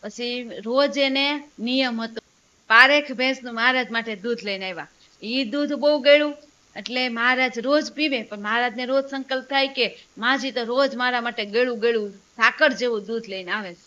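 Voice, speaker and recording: A woman's voice: fairly high pitch, moderate pace, sharp tone, lo-fi sound. A woman telling a devotional story, acting out the voices of its characters as she goes. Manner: storytelling with quoted dialogue. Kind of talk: religious story narration.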